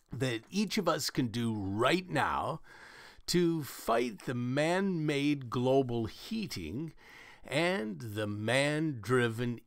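Slow, gravelly male nature documentary host. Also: medium pitch, no room sound, clean studio sound. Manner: emphatic, deliberate phrasing with dramatic pauses. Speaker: podcast host. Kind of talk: scripted narration in a nature documentary manner.

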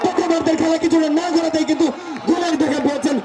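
A man giving frantic, excited live football commentary, his voice rising and phrases repeated. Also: very high-pitched, rapid-fire. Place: outdoor football ground. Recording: echoey distant PA with crowd noise. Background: crowd.

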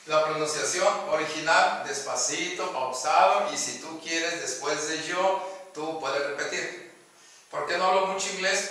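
A man's voice: on the high side, bright, forceful tone. Upbeat man teaching in an echoey room. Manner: upbeat, slow and deliberate drilling of words. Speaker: English teacher. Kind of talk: spoken language lesson. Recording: very echoey room, mic far off.

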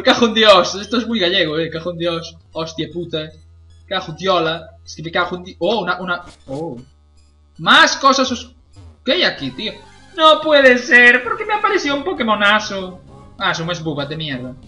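A man's voice: high voice, very animated, normal speed, pushed and bright, soft background music. A young man, commenting on a video game in a joking, cursing way. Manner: jokey, swears a lot, laughs at own jokes. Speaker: gameplay commentator. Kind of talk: casual let's play commentary.

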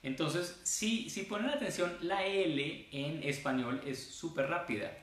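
A man teaching English pronunciation, speaking slowly and stretching sounds out to demonstrate them. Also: on the high side, fairly bright tone. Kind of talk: casual online lesson. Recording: very echoey room.

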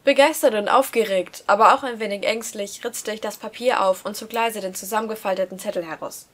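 A woman reading a first-person story aloud with lively, emotional narration. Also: medium pitch, a little fast. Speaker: reader of a story.

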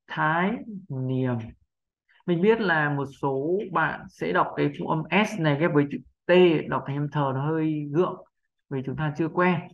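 A pronunciation teacher giving a lesson in a patient, unhurried way, drilling each syllable slowly and repeating it, and often checking in with the listeners. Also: mid-range voice, lo-fi sound. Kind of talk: instructional narration.

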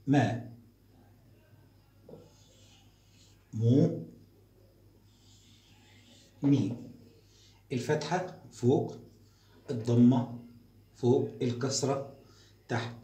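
A man, teaching the alphabet to first graders in a slow, repetitive drilling style. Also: mid-range voice, mellow. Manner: slow, drawn-out syllables and repeated drills. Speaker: primary school teacher. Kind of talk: recorded classroom lesson for young children. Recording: echoey room, voice off-mic.

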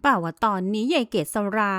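A woman's voice: a little high, lively intonation, normal speed, a bit bright, smooth, no room sound. Woman voices a haughty older matriarch, scornful and scolding, dry close mic. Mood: spiteful.

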